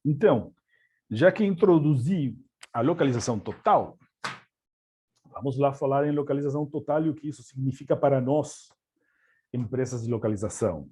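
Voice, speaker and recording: A man's voice: mid-range voice, expressive, normal speed, long pauses, dark tone. A man from Argentina, a native Spanish speaker with an Argentine accent, gives a webinar presentation, often hesitating, with many fillers and repeated words.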